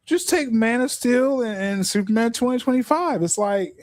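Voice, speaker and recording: A man co-hosting a podcast in casual chat, excitable and quick to laugh. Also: extremely high pitch, no echo, studio quality. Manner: animated, excitable, laughs often. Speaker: podcast co-host.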